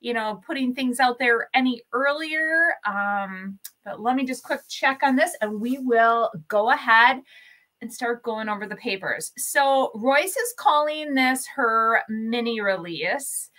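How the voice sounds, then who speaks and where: Bubbly woman hosting a slow craft livestream. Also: fairly high pitch, pushed and bright, poor audio. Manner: bubbly, greets viewers by name, many ums. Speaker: craft shop livestream host. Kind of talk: casual live-stream chat.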